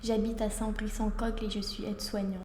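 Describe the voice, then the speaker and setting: A woman's voice: medium pitch, little pitch movement, brisk, darkish tone, echoey room, a little hiss or hum, lightly acted. A woman playing a devoted mother in her fifties, speaking tenderly. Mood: fond. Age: 50s. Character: fond middle-aged mother, 50s.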